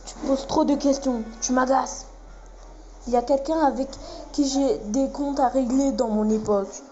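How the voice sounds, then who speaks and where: Woman reading as proud cold warrior prince from a game, talks down at folks, high voice, muffled lo-fi audio. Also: steady tone, moderate pace, warm tone, a little hiss or hum, natural voice. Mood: scornful. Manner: haughty, dismissive, reading dialogue aloud. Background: game music.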